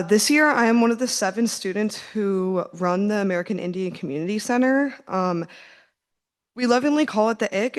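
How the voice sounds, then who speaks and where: A young woman from Minnesota giving an earnest public comment, often pausing with fillers. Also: mid-range voice.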